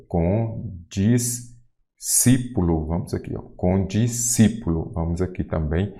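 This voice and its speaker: A man's voice: fairly low pitch, a little mellow. Man teaching grammar with rhetorical questions. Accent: Brazilian Portuguese. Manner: rhetorical questions, drawn-out answers. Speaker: Portuguese teacher. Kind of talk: exam question walkthrough.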